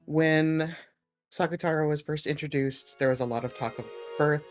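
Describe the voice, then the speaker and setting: A casual speaker on an online voice call whose audio keeps breaking up and dropping out. They talk in halting fragments that trail off mid-sentence. The voice sits at an ordinary middle pitch. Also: steady tone, soft background music. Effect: choppy online call audio that keeps cutting out. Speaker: book club participant. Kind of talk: casual group chat over a voice call.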